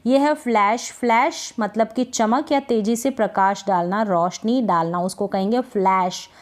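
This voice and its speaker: A woman with a Hindi accent teaching English pronunciation, repeating each word slowly and quizzing the listener with questions. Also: mid-range voice. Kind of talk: slow phonics lesson.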